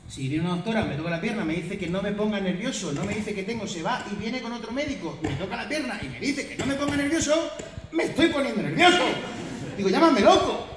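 A high-voiced man with a Murcian accent spins a jokey story and acts out the lines. He is heard from a distance in an echoey hall. A crowd laughs throughout. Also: quick pace, background noise. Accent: Murcian Spanish. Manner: animated, jokey, acting out dialogue. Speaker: comedian. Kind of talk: stand-up storytelling to an audience. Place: hospital lecture hall. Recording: echoey hall, mic from afar, audience laughter.

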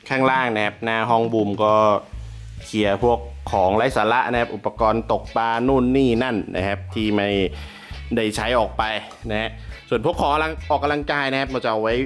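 A man hosting a casual vlog from around a house, excitable and joking, swearing freely and talking straight to his viewers. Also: medium pitch, a little fast, soft background music. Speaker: YouTube host.

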